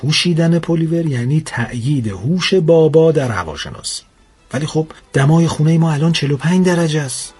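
Husky man telling a wry comic story. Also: on the high side. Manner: wry, deadpan complaining. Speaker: narrator. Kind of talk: comic first-person storytelling.

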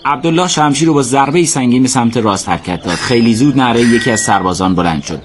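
A man narrating a radio drama in a steady, measured storytelling voice. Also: medium pitch, background noise.

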